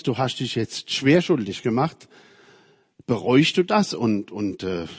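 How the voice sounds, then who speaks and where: A man preaching a sermon, moving between loud emphatic passages and very soft, quiet phrases. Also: medium pitch, breathy edge, dry recording, studio quality. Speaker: preacher, member of a religious community.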